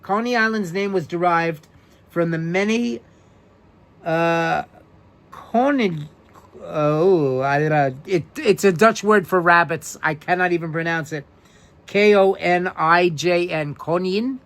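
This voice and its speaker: A man with a New York accent hosting a casual live-stream, reading trivia questions aloud and answering viewers by name in a chatty, relaxed way. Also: on the high side. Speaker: livestream host.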